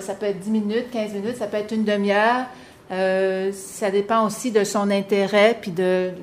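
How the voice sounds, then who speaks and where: A woman with a Quebec French accent giving an animated, encouraging talk to parents, with frequent fillers. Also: mid-range voice. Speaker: presenter on reading to children. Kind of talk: lively instructional talk. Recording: echoey room, faint background hum.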